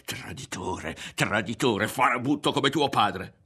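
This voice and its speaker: A man's voice: medium pitch, animated, fairly quick, gravelly, fairly bright tone, slightly rough, full character voice. A man voicing a shrieking, furious mother. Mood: hissing. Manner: shrieking, insulting, breathless with rage. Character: furious screaming middle-aged mother.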